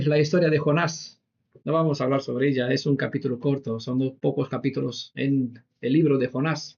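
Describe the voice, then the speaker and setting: A man leads a Bible study class, talking through each point patiently and checking in with his listeners. His voice sits a little high for a man. The recording is dull and lo-fi, with the top end cut off. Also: a little mellow. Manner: explanatory, peppers sentences with "¿vale?". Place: meeting room with a whiteboard.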